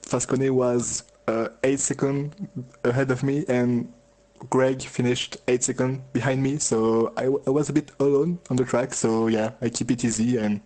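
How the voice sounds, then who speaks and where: Flat-toned man. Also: mid-range voice, rough recording. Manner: halting, searches for words, chuckles often. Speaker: racing driver being interviewed. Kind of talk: casual post-race interview.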